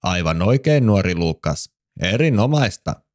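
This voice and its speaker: A patient father frog from a children's storybook, measured and encouraging as he poses a riddle. A man reads him in a deep voice near his own. Close, dry sound. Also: sing-song, darkish tone, no room sound.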